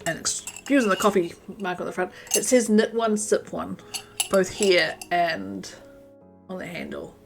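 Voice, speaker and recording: A New Zealand woman hosts a crochet livestream, chatting and rambling casually, reading out and answering chat, and sometimes muttering stitch counts under her breath. Her voice is fairly low and unhurried with vocal fry, and faint music plays behind her.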